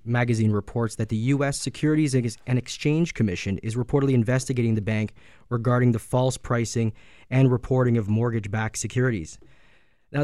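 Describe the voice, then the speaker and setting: A man's voice: medium pitch, dark tone, no room sound, clean studio sound. A man co-hosting a finance radio show, earnestly reading out news reports and weighing in on them. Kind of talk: casual radio talk on finance.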